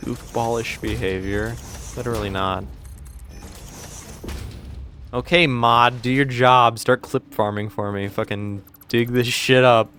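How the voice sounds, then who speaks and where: A man's voice: mid-range voice, steady tone, unhurried, pauses often, a bit bright, slight background noise. A man chatting casually on a live game stream, playful and teasing, swearing freely at his chat.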